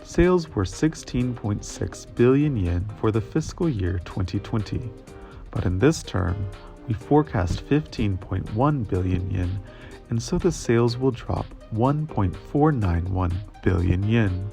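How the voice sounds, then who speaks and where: Interpreter translation voice-over: man, lowish voice, measured and formal, faint music underneath. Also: lively intonation, creaky, warm tone. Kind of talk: scripted reading of financial results.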